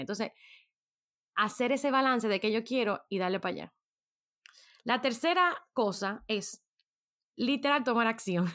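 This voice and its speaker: Woman, casual self-help speaker; lively, frank, fires direct questions at the viewer. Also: mid-range voice. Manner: lively, asks the listener direct rhetorical questions; casual and frank, with light slang. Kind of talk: motivational talk to camera.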